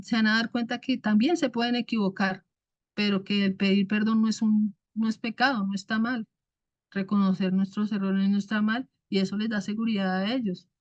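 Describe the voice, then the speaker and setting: Woman, church group speaker, loud and halting, dull dry recording. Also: mid-range voice, no room sound. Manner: halting, many restarts and fillers; loud speaker by her own account. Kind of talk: casual devotional talk.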